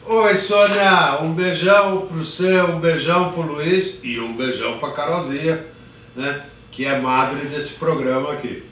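In his home kitchen, an older man hosts a live cooking show, talking unhurriedly and calling out viewers by name. His slightly high, somewhat bright voice is a little slow. A distant phone camera picks him up with roomy echo and slight background noise.

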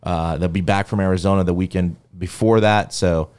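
Animated man telling a sports story. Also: sits low, moderate pace, smooth. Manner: animated storyteller, swears and laughs at himself. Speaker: podcast co-host. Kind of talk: casual sports podcast chat.

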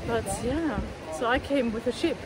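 A playful woman with a high, bright-pitched voice chats casually for her vlog. She is outdoors by the beach. Loud wind and sea noise run under everything she says. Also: normal speed. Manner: playful, laughs often. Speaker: vlogger. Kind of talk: casual chat.

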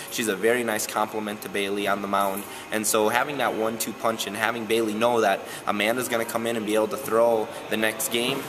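A young man, a softball coach, answering postgame questions in an earnest, steady way with many "um" fillers, recorded indoors in a gym. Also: fairly low pitch, background noise. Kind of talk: postgame interview.

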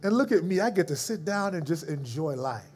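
A man with a high voice preaches a sermon through personal stories. He slips into casual slang and acts out each person he quotes, then eases into a hushed, slow delivery when he turns reflective. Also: faint music behind. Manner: animated, acts out the people in his stories; drops to a soft, slow voice for reflective moments. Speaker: pastor. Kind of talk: storytelling sermon.

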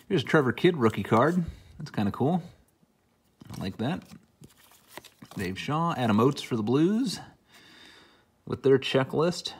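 With a medium-pitched voice and slight background noise, a middle-aged man hosts a hockey card unboxing at a table indoors, hobby display behind. He's slightly under the weather, and his commentary is casual and rambling, with dry asides as he calls out the cards.

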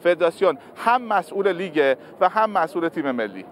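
A man's voice: sits high, very animated. A man in his forties with an Iranian Persian accent, giving live unscripted analysis as a sports correspondent outdoors. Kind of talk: live report, spontaneous analysis. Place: large busy open square outdoors. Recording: outdoor city noise, traffic.

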